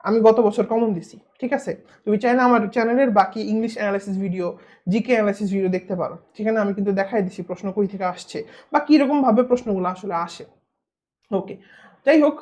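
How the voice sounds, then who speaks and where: A man's voice: very high-pitched, a little mellow. A man, giving a casual, blunt video lecture as an admission test tutor, teasing and often asking "right?".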